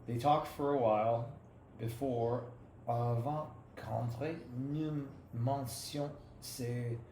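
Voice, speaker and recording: A man reading aloud as practice, hesitant and halting, stopping often to correct himself. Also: mid-range voice, darkish tone. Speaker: language learner reading aloud. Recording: roomy room with faint background noise.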